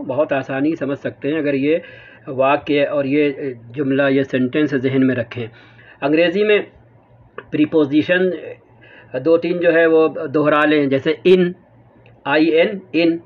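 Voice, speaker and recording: A man's voice: a little high, steady tone. A man teaching an Urdu reading lesson, patiently repeating and spelling out letter sounds step by step. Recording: tinny phone-like audio.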